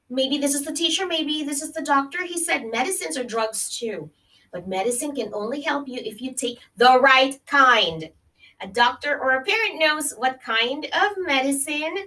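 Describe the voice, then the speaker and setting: A woman teacher with a high, expressive voice reads a children's health lesson at a measured pace, stopping to explain, ask questions, and check in with "okay?" or "right?". Her tone is pushed and bright, recorded roughly and far from the microphone.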